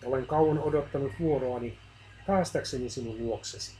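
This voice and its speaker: Brief: patient compassionate Christ, read by a male narrator, soft consoling delivery, faint background hiss. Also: mid-range voice, close to an everyday voice, poor audio. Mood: gentle.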